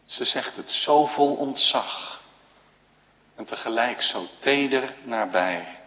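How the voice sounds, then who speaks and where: Male pastor, mid-pitched, earnest sermon delivery, church reverb, dull lo-fi sound. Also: expressive. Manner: slow, earnest, with long pauses between short phrases.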